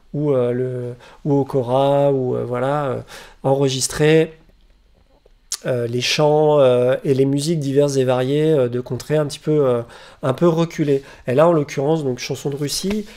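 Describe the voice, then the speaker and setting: Man, gravelly voice, middle pitch, hesitant, lots of fillers and restarts, casual record vlog, webcam at home. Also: mellow. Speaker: vinyl collector presenting records.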